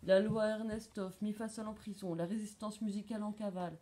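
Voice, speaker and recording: A woman voicing a big, gentle male bear who speaks hesitantly and sorrowfully. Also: medium pitch, a little slow, natural voice. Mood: lamenting.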